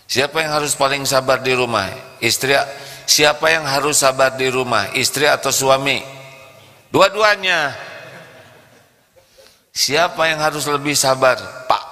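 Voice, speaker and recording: A man's voice: medium pitch, sharp tone. A male preacher giving a sermon, playfully quizzing and joking with the congregation, with a long hall echo. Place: before a live congregation.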